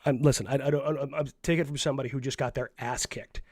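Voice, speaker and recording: A man's voice: medium pitch, fairly even intonation, fast, a little mellow, no echo, studio quality. A man co-hosting a casual sports podcast from home while still a little sick, talking frankly and rambling with many restarts. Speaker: co-host. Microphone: own microphone, muted between coughs.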